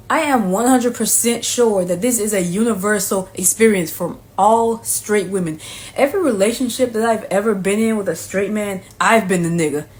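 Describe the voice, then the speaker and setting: A woman's voice: medium pitch, darkish tone. Brash, profane woman ranting to camera. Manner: brash, sassy and profane, often adds "okay?". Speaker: vlogger. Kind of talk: profane comedic rant to camera.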